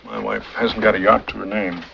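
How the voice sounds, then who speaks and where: An actor playing a wary, matter-of-fact pal in 1940s screwball comedy banter, on a muffled old film soundtrack. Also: male voice, fairly low pitch, little pitch movement, brisk, vocal fry, slight background noise. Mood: wary, dry.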